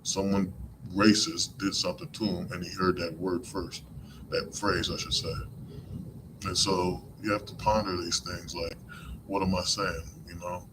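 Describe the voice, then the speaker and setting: Deep, flat-voiced man on a podcast. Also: unhurried, background noise. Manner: rambling, conversational, frequent "you know" asides. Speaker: podcast host. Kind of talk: live-streamed podcast monologue.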